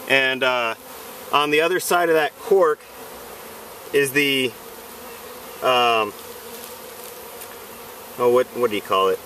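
A man with a medium-pitched voice talks casually outdoors, sounding hesitant, unsure and self-deprecating as he walks through each step of his work. He's a first-time beekeeper in a leafy yard. An outdoor camera picks him up from a distance, with noisy buzzing bees behind him.

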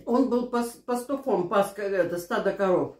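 Woman in her sixties, mid-pitched, casual mealtime storytelling, echoey home room, camera across the table. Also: normal speed. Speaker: mukbang vlogger. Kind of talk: casual chat and anecdotes over a meal. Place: small living room at home, indoors. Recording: roomy, echoing home room.

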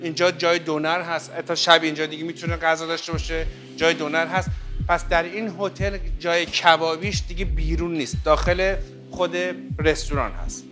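Guy vlogging a hotel buffet, kinda high voice, chatty, music playing under him. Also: steady tone. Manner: chatty, addresses viewers as friends, many fillers. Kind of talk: walking tour commentary. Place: hotel buffet restaurant, indoors. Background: background music.

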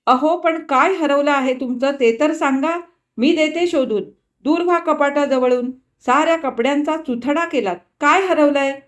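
Woman doing a fussy young wife, high voice, rattles off scolding in one breath. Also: close to an everyday voice. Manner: rapid scolding chatter. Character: fussy young wife, quick-tongued and stubborn.

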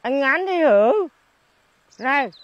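An actor voices a frail old father in a village, stranded and begging for help. His voice is thin and high. It comes through a muffled phone line. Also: lively intonation, slow pace, heavily acted. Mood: pleading. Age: older.

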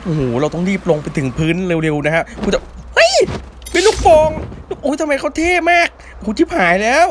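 A young man hosting a gaming channel, giving excited gameplay commentary with loud exclamations and swearing. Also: a little high, quick pace, few pauses, noisy background.

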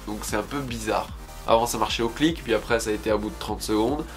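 A man's voice: on the low side, fast. Guy in his 20s, casual vlog chat at home, bit of music in the background. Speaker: YouTube vlogger. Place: indoor room at home.

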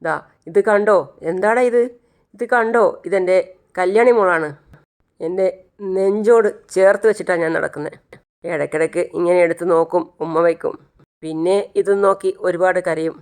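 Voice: mid-range voice, steady tone, normal speed, clean tone, close to an everyday voice. A narrator voicing a remorseful aging father who begs again and again to see his daughter, in a retold television serial. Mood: pleading. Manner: pleading, tearful, repeats "anna".

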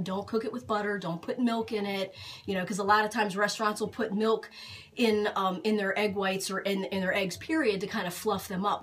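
A woman in her forties talks straight to her camera in a small room, giving frank, chatty advice. Her speech is loose and conversational, full of fillers and restarts, at an average pitch. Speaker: fitness vlogger. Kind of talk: casual talk to camera.

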